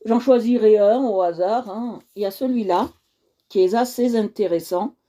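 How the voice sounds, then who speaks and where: A woman's voice: medium pitch, moderate pace, dark tone. Chatty woman hosting a coloring livestream. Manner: chatty, repeats herself, addresses viewers directly. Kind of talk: casual livestream tutorial.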